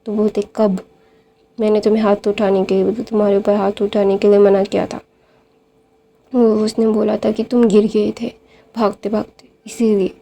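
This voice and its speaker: A woman retells a fan-fiction plot in a loose, chatty way, full of small fillers. Her voice is mellow and gravelly, with a flat, level pitch. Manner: loose, with many fillers and "then there" links. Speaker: storyteller.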